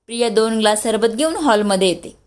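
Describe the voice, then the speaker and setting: A woman storyteller narrating a serialized family story in a steady, plain way. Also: fairly high pitch, a little fast.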